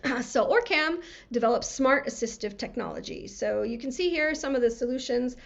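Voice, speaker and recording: An American woman giving a recorded conference talk, friendly and quick-talking, her voice scratchy from a cold. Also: a little high, animated, vocal fry, dull audio. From USA. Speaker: conference speaker. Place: home room lined with books.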